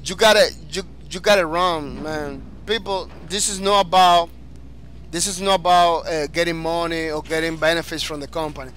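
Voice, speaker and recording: A Dominican man with a Spanish accent streams games, energetically chatting with viewers, reading their comments, and often restarting his phrases. His voice sits on the high side with fairly even intonation, a moderate pace, and a fairly bright tone.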